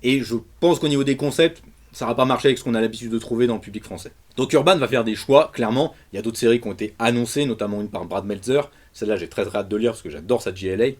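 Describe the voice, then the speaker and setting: A man's voice: medium pitch, quick pace. French man enthusing about comics. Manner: animated, colloquial, emphatic. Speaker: comics reviewer. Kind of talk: casual enthusiastic video review.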